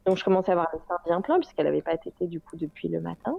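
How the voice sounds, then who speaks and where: A woman's voice: on the low side, racing, creaky, dry recording. A woman in her thirties, a guest in an interview, talking candidly with many hesitations and wry self-mocking humor. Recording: slightly dull dry recording.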